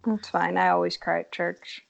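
A woman's voice: fairly low pitch, level tone, normal speed, gravelly, slight background noise. A woman who is a guest on a casual faith podcast, telling her story in an earnest, chatty way and laughing readily.

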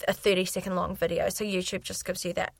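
A woman's voice: lowish voice, little pitch movement, fast, slightly rough, no room sound. A young woman speaking candidly and chattily as a guest in a casual interview. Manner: candid, talkative. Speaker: fitness influencer, interview guest.

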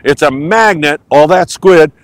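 A man's voice: fairly high pitch, measured pace, dry recording. An American man with an upbeat, folksy, exclamatory manner, giving a casual fishing report to camera as host from a windy beach outdoors. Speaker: host of a fishing news vlog.

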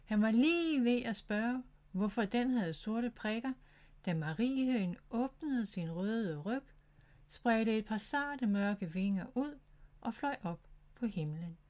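A woman's voice: fairly high pitch, expressive, a little mellow. Woman reading a children's story. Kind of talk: scripted children's story narration.

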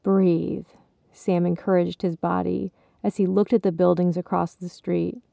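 A woman narrating her own written story in a slow, measured way. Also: lowish voice, flat delivery, creaky, dark tone, dry recording. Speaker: author and storyteller. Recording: slightly dull recording.

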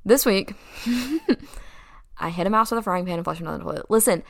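A woman's voice: medium pitch, moderate pace, gravelly, no room sound, studio quality. A young woman casually telling her viewers a dramatic personal story, acting out the people in it. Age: young adult. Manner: animated, dramatic, quotes people in voices.

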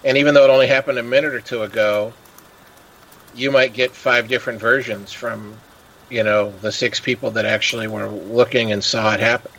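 A man's voice: mid-range voice, steady tone, fairly quick, gravelly, fairly bright tone, poor audio. A man chatting casually as a podcast host, telling stories and acting out the people he quotes. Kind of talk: casual chat.

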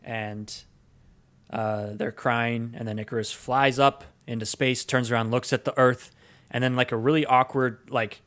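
A man co-hosting a relaxed movie podcast, retelling a plot at length. His speech is full of ums, uhs and restarts, at an ordinary middle pitch for a man. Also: a little slow. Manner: rambling plot recap with frequent ums and uhs. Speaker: podcast co-host. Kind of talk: casual movie review chat.

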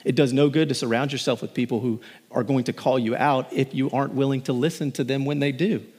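A man's voice: fairly even intonation, fast talker, breathy edge. Man in his thirties preaching a sermon. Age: 30s. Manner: storytelling, rising loud and high when reading scripture. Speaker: pastor. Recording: long hall reverb.

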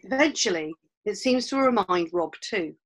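A woman presenting a scripted academic analysis in a measured manner. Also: medium pitch, expressive.

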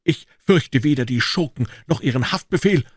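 A man voicing a grim, grief-stricken young male hunter in an audiobook, speaking in a low, intense, stern way. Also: normal speed, breathy edge, no echo, clean studio sound. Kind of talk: dramatic audiobook reading.

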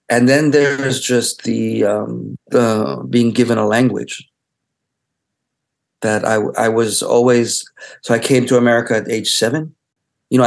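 With a gravelly, mid-range voice, a middle-aged man originally from Israel, whose first language is Hebrew, reflects haltingly in an interview as a photographer. He keeps restarting and hunting for the right words.

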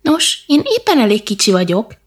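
A woman's voice: lowish voice, vocal fry, slightly rough, exaggerated voice. A woman voicing a small, cheerful, eager male badger in a children's storybook. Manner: excited, exclaiming. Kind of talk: storybook character voice.

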